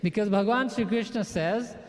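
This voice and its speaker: A man leading a prayer session, giving an earnest spiritual sermon and repeating phrases for emphasis. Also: high voice. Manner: measured delivery, building lists of phrases. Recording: long hall reverb.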